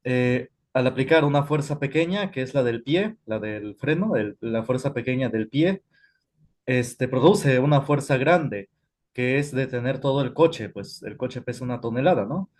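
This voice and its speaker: A male physics teacher lectures a class at an ordinary pitch. He talks in a halting way, filling pauses with "este" and correcting himself as he goes. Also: expressive, a little mellow. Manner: halting, frequent "este" fillers, self-correcting.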